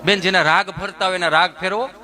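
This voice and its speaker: Bright-voiced comedian telling stories. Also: male voice, high-pitched, steady tone, fast, faint music behind. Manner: chatty, keeps checking in with the crowd. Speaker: stand-up comedian. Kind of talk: stage comedy storytelling.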